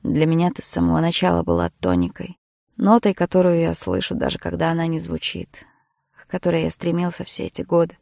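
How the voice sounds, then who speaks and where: A woman's voice: lowish voice, expressive, fairly quick, creaky, a little mellow, no room sound, clean studio sound. A woman voicing an earnest young man, a marine, who speaks tenderly and pleads with the girl he loves. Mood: gentle.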